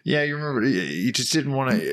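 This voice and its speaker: A man's voice: mid-range voice, expressive, fast talker, a bit bright. A man hosting a podcast in casual, joking and teasing chat, swearing freely. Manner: profane. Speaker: podcast host.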